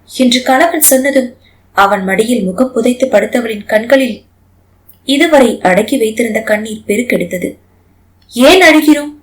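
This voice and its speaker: A woman narrating a novel as an audiobook in a measured, expressive storytelling manner. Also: fairly high pitch, poor audio.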